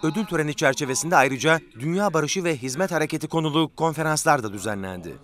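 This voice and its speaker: A man's voice: a little high, animated, quick pace, fairly bright tone. A man reads scripted news narration as a reporter's voice-over.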